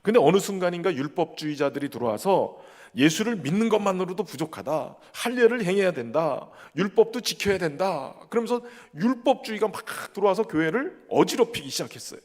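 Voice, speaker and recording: A man's voice: high-pitched, sing-song, brisk, darkish tone, big-room sound. A man preaching a sermon as pastor, earnest and emphatic, who keeps addressing the congregation directly.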